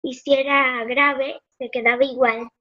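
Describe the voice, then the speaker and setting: Woman student, high voice, talks real slow, muffled call audio. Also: flat delivery, bright, forceful tone. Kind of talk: answering in class.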